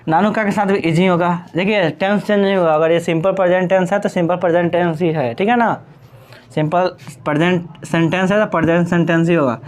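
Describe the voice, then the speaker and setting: Patient male teacher, fairly high voice. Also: fairly even intonation, brisk. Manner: patient, repeats points, checks in with "ठीक है"; addresses students fondly as "Babu". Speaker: English teacher. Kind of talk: Hindi-language grammar lesson at a board.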